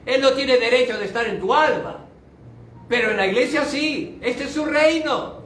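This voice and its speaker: A man's voice: extremely high pitch, normal speed, a bit bright, a little hiss or hum. An older male pastor giving a fervent sermon testimony, dropping in short English asides. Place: church. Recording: roomy church sound, distant mic, faint music.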